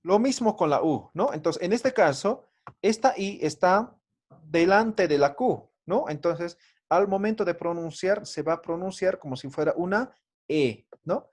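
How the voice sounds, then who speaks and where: Slow, patient man teaching a class. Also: sits high, animated. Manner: patient, checks in often with "¿no?" and "¿ya?". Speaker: language teacher. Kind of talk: online class lesson. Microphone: video call.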